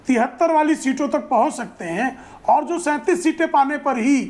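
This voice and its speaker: A woman's voice: high-pitched, normal speed, darkish tone, a little hiss or hum. A woman making her party's case in a TV debate, with rhetorical lists. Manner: listing and rhetorical. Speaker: party spokesperson. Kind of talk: debate argument.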